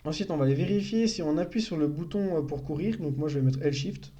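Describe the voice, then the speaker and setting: A man's voice: fairly high pitch, fast talker, dark tone, highs cut off. A young man giving a casual live-stream coding tutorial, thinking aloud and correcting himself as he explains. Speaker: programming tutor.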